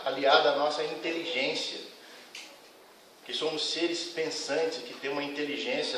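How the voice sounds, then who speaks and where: Man, spiritist lecturer, earnest and scolding, slightly high voice, very echoey hall, mic some distance away. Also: a bit bright, a little hiss or hum. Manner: earnest, admonishing, frank. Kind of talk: lecture to a congregation.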